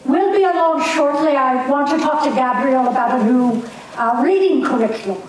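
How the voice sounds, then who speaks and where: In a community stage hall, an older woman from community theater performs an amateur reading as a spirited young Irish nationalist, fervent, earnest, and needling. Her high-pitched, natural voice moves at a moderate pace, recorded from a distant mic in an echoey hall with faint hiss.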